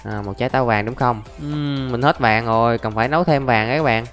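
A man's voice: medium pitch, quick pace, a bit bright. Chatty young man narrating his gameplay. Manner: chatty, narrates each step, often calls out to viewers. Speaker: gaming YouTuber. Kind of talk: casual Let's Play commentary. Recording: faint background music.

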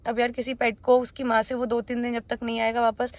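A woman's voice: on the high side, little pitch movement, a little fast, a little mellow. Young woman vlogging from a car. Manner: chatty, mixes English words into speech. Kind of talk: casual vlog narration. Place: inside a parked car by day. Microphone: phone held at arm's length.

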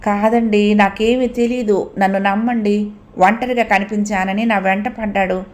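A woman's voice: mid-range voice, fairly even intonation, moderate pace, lightly acted. Scared young woman begging to be believed, narrator lady doing her, anxious. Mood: pleading. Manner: pleading, anxious. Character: frightened, helpless young woman alone at night.

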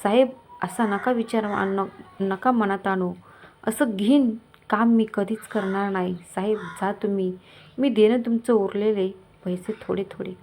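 A woman's voice: mid-range voice, fairly even intonation, a little slow, a little mellow, a little hiss or hum, lightly acted. Lady doing a poor village wife, begging but stubborn, proud, story voice. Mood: pleading. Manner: pleading yet firm and defiant.

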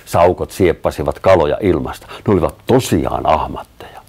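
Deep, gravelly man reading a children's story. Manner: expressive storytelling with lively voiced dialogue. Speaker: narrator.

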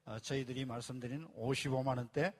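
Presenting a membership plan before a live crowd, a man explains it one step at a time and keeps repeating key phrases, even calling for applause. His mid-range voice moves fairly quickly with fairly even intonation.

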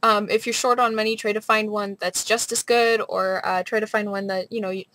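A young adult woman rambling casually in a vlog, with an animated, sardonic manner. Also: medium pitch, fairly quick, no room sound, rough recording. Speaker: vlogger. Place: small bright room at home, indoors.

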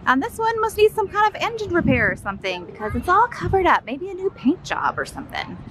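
Her voice is extremely high, swinging widely in pitch, brisk and fairly bright, with a little hiss or hum on the recording. This thirtysomething mom holds a phone or camera at arm's length while touring a resort and indoor arcade, narrating her vlog in a chatty, upbeat, tour-guide manner.

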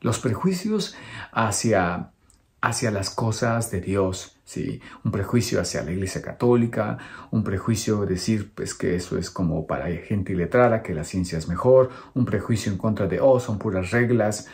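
A man, a priest, reading a Gospel passage aloud and stopping often to explain it in a relaxed, conversational sermon full of restarts and fillers. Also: lowish voice, normal speed, vocal fry. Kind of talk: bible study sermon.

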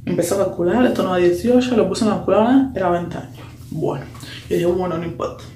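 A woman's voice: medium pitch, fast. Chatty woman in an echoey room. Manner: animated, lively retelling with slang and English asides. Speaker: vlogger. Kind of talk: casual storytime. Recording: echoey room with faint hum.

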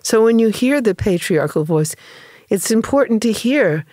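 A woman's voice: a little high, animated, normal speed, mellow, no room sound, studio quality. An older woman psychologist being interviewed, explaining her ideas thoughtfully and illustrating them with stories and quoted voices. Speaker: psychologist and author, guest. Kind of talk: conversational interview.

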